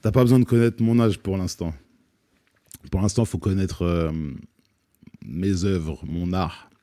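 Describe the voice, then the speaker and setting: A man's voice: low voice, unhurried, dark tone, dry recording, studio quality. A man in his thirties, a rapper answering questions on a live stream, hesitant with lots of fillers and restarts, joking now and then. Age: 30s. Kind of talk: relaxed live Q&A chat. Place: studio set.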